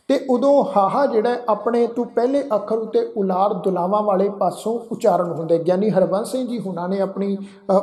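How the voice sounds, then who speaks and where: A man teaching scripture recitation, reading verses in a slow, drawn-out chant and then explaining pronunciation in brisk everyday speech. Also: high voice, darkish tone. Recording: echoey room.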